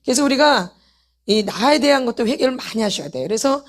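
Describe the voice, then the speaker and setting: A pastor's wife preaches fast, her voice on the high side and lively in intonation, at a healing meeting she is leading. She keeps pressing the congregation with rhetorical questions, speaking to them directly and calling for repentance.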